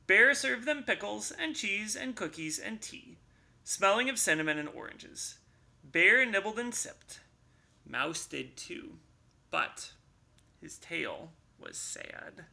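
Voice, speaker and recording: Slow, expressive man reading a storybook. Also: high-pitched, gravelly. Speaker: children's church teacher. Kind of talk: storybook read-aloud for children.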